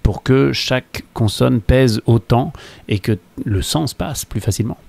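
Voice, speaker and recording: A man from the opera world telling anecdotes in a relaxed chat, laughing now and then. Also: medium pitch, measured pace, vocal fry, no room sound. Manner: anecdotal storyteller, laughs between points. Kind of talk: casual conversation.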